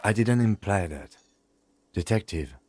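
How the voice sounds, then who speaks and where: An actor voicing a calm, reserved police lieutenant in a video game who speaks in short, composed lines. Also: male voice, fairly low pitch, a little slow, husky, no echo. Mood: cool. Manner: terse, composed. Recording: dry game audio with faint music.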